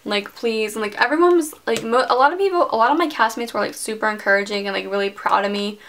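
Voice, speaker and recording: There's slight background noise as a chatty teenage girl tells a story in a casual storytime vlog, saying "like" constantly. She talks fast, and her voice is on the high side and a bit bright.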